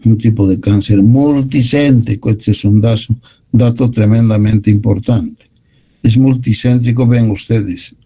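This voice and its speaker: A man giving a university medical lecture, explaining slides in a measured way. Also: mid-range voice, creaky, mellow, breathy edge, poor audio.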